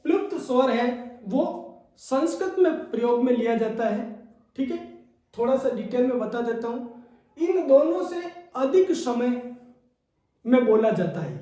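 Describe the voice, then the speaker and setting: A man's voice: extremely high pitch, mellow. A man teaching Hindi grammar as a classroom lecture, repeating key points and checking in with his students. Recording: echoey room, mic far off.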